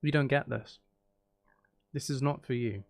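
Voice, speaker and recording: Here a livestreamer talks casually to his audience while gaming, his medium-pitched voice a little slow and marked by vocal fry. The banter wanders, teases playfully, and leans on self-deprecating jokes.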